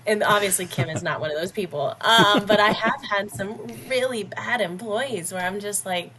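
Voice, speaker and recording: A woman's voice: mid-range voice, moderate pace, over a noisy crowd. A woman in a casual interview, blunt and joking, laughing often as she talks about running her own business. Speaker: podcast guest, business owner.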